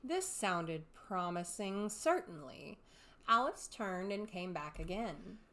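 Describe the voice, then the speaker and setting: A woman's voice: lowish voice, animated, slow, bright, forceful tone. A woman reading scripted storybook narration as an audiobook narrator.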